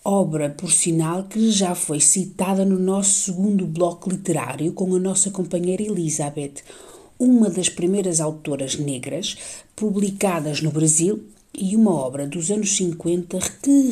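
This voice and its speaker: Woman, radio book reviewer, scripted delivery, warm dark timbre, slightly low pitch. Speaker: radio presenter recommending books.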